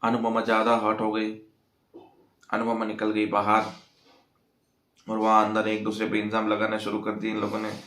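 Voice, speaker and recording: A man's voice: fairly low pitch, monotone, normal speed, pauses often, fairly bright tone, reverberant. A man casually recapping a TV serial episode, telling the story and briefly acting out the characters' lines.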